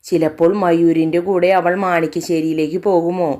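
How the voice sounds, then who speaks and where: A woman's voice: fairly low pitch, flat delivery, normal speed, warm tone, lightly acted. A woman voicing a troubled mother who sounds worried and bitter. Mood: anxious.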